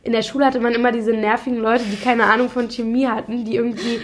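Slangy young woman, slightly high voice. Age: 20s. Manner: lively, slangy, quick asides. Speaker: podcast co-host. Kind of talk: casual chat.

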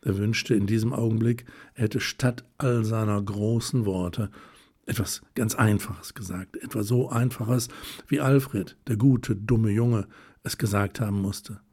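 Low husky man reading a novel. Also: steady tone, a little slow, a little mellow. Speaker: reader. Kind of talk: literary audiobook narration.

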